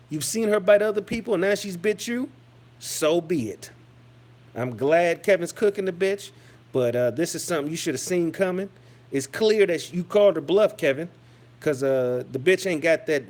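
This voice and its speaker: A man delivering a heated, mocking, profane rant as a vlogger, often stumbling and repeating phrases. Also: fairly high pitch. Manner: heated, mocking, swears constantly; stammering restarts and repeated phrases. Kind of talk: profane ranting commentary.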